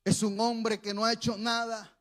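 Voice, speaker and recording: Male pastor, very high voice, preaching sermon with shouted peaks and call-and-response. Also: flat delivery, normal speed.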